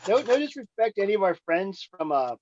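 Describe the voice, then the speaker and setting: A man from Long Island, talking in a high voice, rambles and jokes with his bandmates on a video call. His phone audio comes through dull and lo-fi. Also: big pitch swings, fast, a little mellow, a little hiss or hum. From Long Island, New York. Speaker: band member. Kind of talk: casual video-call chat.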